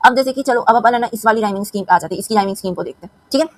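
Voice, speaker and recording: A woman's voice: on the high side, rapid-fire, no room sound, low-quality recording. An Indian woman teacher with a Hindi-speaking accent, explaining a lesson in a chatty way and often checking that her students follow.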